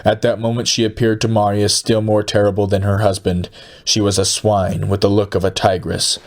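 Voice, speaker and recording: A man with a lowish voice narrates an audiobook. He reads in a steady, measured way.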